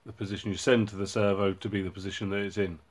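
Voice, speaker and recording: Low, flat-voiced man explaining his project. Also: very fast. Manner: relaxed and explanatory, with frequent ums and uhs. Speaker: robotics hobbyist channel host. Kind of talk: casual project walkthrough.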